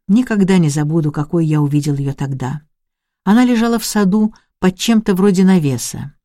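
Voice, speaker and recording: An audiobook reader narrating a story in a measured, mournful way. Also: medium pitch, warm tone, no echo, clean studio sound. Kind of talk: scripted narration.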